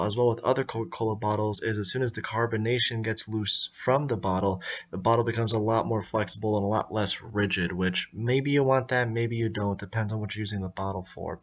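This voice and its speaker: Earnest young man reviewing a drink. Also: lowish voice. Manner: earnest, mock-formal reviewing with scores. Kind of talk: product review narration. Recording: slightly dull lo-fi audio.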